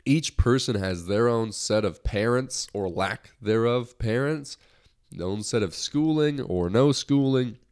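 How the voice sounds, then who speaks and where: A young US podcast host chats alone in a lighthearted, rambling manner, frequently starting over. His voice is medium in pitch, unhurried, with a darkish, clean tone and slight nasality from a recent cold.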